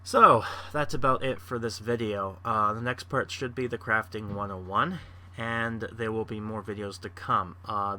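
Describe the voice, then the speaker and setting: A man with a lowish, bright and forceful voice rambles casually as a gameplay channel host, pausing and restarting his thoughts often. A faint hiss of noise sits under the recording. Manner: rambling, lots of uh fillers and restarts.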